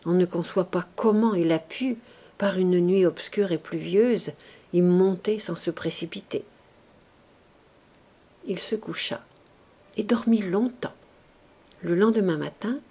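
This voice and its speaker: A woman's voice: mid-range voice, dark tone, husky. Woman narrating a classic novel. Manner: measured, dramatic reading. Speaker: audiobook reader. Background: music.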